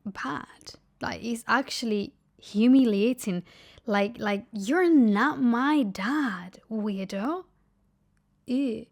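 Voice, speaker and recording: A young woman vlogging a casual story to camera, animated, acting out quotes with big pitch jumps and dropping to a whisper for asides. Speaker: lifestyle vlogger.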